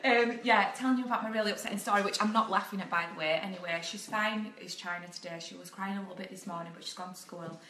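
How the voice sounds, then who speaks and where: A woman's voice: mid-range voice, quick pace, few pauses, sharp tone. A young woman, rambling and laughing through a casual live video chat. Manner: chatty, rambling, laughs often. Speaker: vlogger. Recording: echoey room, faint noise.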